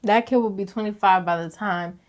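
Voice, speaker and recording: A young woman co-hosting a casual podcast, reading confessions aloud, animated and slangy, laughing often. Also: medium pitch, a little fast. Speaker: podcast co-host.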